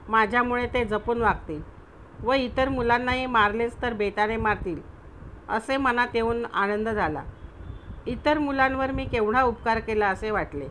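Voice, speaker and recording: A woman storyteller reading a story aloud in a gentle, earnest way. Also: on the high side, slight background noise, poor audio.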